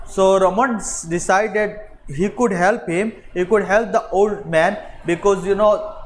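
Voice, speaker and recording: A man's voice: sits high, measured pace, a little hiss or hum. A man teaching a class, reading a story aloud and explaining it, with many fillers and questions to the pupils.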